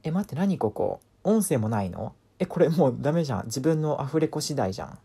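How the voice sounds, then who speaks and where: Whiny, mellow-voiced man. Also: mid-range voice, sing-song, a little fast, creaky, husky. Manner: exasperated, whiny complaining. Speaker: vlogger. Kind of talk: casual voice-over commentary.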